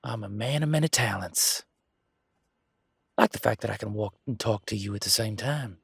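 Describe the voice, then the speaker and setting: Man playing Gavin, gravelly low-voiced flirty werewolf. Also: moderate pace, fairly bright tone, dry recording, clean studio sound, full character voice. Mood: playful, cocky. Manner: teasing, informal, conversational. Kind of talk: roleplay audio drama, one side of a dialogue.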